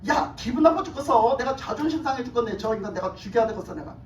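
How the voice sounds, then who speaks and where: A woman's voice: a little high, lively intonation, quick pace, slight background noise, natural voice. A woman voicing an angry, resentful young man with wounded pride, grumbling indignantly, heard from far off in an echoey hall.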